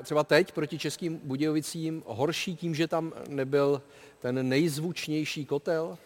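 A man's voice: fairly high pitch, steady tone. A man hosting a sports talk show, putting questions to his guests. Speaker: host.

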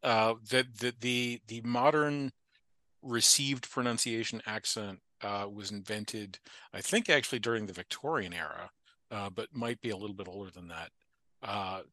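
Man, podcast guest, low pitch, crisp forward tone, dry close sound, thoughtful and rambling. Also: normal speed, bright, forceful tone, dry recording. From Appalachian United States. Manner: thoughtful, digressive, with frequent restarts. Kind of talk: casual conversation.

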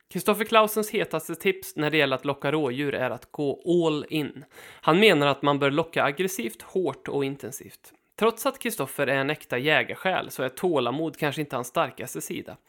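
A man reading his own hunting trip article aloud in a steady, matter-of-fact way. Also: fairly high pitch. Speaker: hunting writer narrating his trip report.

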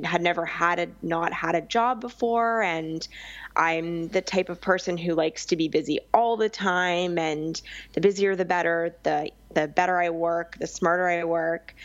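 A woman's voice: on the low side, no room sound, lo-fi sound. A young woman from Vancouver Island, chatting as an interview guest about her business, with frequent ums and restarts. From Vancouver Island, Canada. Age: young adult. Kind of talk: conversational interview.

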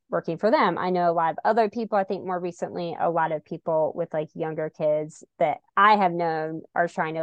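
A woman guest, a parent, chats casually about her family, using lots of "like" and "you know." Her voice is on the low side, and the recording is dry.

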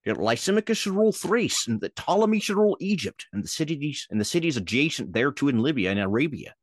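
Man, Minnesotan accent, young adult, podcast host, animated delivery, dry close mic. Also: medium pitch, fast talker, no echo. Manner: lively storyteller, jokey asides. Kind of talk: casual history podcast narration.

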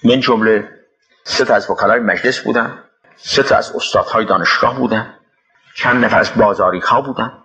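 Gravelly-voiced older man reminiscing slowly. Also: medium pitch, bright, forceful tone, poor audio. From Iran. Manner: halting, with restarts and pauses. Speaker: interviewee recalling his time as a city official. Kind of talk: reminiscing interview.

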